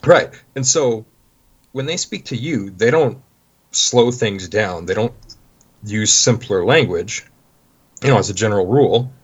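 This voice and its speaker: Low husky man with lo-fi sound. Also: expressive, a little slow, long pauses. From Canada. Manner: rambling, many restarts, anecdotal. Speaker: guest. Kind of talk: casual conversation. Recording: dull lo-fi sound.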